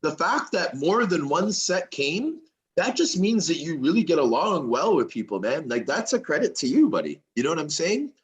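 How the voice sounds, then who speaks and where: A male podcast host with a fairly high voice that swings widely in pitch. He talks to his guest in a chummy, buddy-buddy way. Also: sing-song, normal speed, poor audio. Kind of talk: casual podcast interview.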